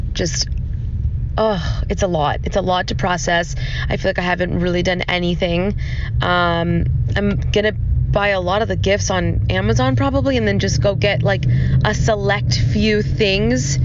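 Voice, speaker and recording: A woman's voice: medium pitch, dull audio, noisy background. A woman hosting a casual, chatty solo podcast in an informal, rambling, giggly way, recorded on a phone voice recorder like a dictaphone. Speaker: podcast host.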